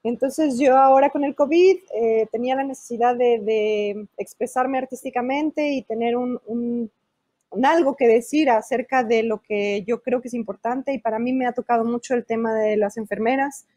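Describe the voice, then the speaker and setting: A Mexican woman in her thirties, an illustrator and children's author with a Mexican Spanish accent, talks animatedly and gestures during a video call interview from a room at home. Her slightly high voice moves at a moderate pace with no echo, captured by an earphone headset mic.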